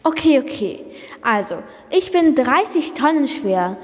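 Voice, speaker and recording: A woman's voice: sits high, big pitch swings, a little slow, in a large hall. A young speaker voicing a friendly female Brachiosaurus who patiently explains facts in a children's podcast play. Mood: friendly explaining. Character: friendly female Brachiosaurus, calm plant-eater.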